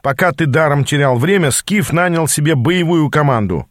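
A man voices a sly male imp who feigns innocence, pitching the character above his own natural voice yet keeping it close to everyday speech. The voice is on the high side at normal speed, with clean studio sound and no room echo.

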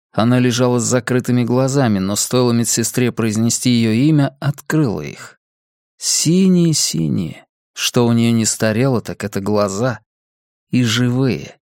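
A man reading a novel aloud in a calm, measured storytelling manner. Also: mid-range voice, dry recording, studio quality. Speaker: audiobook narrator. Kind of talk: scripted narration.

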